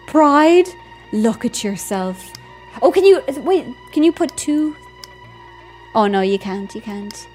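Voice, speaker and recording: A woman streaming a game, who giggles often, squeals when excited and reads the on-screen text aloud. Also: on the high side. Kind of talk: casual gameplay commentary.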